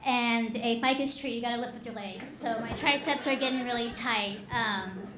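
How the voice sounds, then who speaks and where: A woman's voice: on the high side, normal speed, crowd noise. A woman in her thirties from Texas, performing a stand-up comedy set in a dry, self-deprecating way. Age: 30s. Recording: echoey live room.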